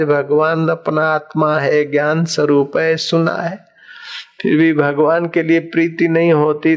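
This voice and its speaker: A man's voice: on the high side, muffled recording. A man giving a sermon, telling stories with playful asides and chanting verses. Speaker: spiritual preacher.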